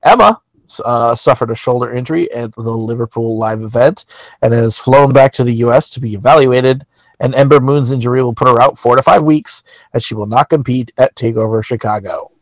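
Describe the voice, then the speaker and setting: A man's voice: mid-range voice, fairly quick, dry recording, rough recording. A man hosting a wrestling news podcast, reading news and teasing his co-hosts in joking banter. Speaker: podcast host. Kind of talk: casual podcast chat.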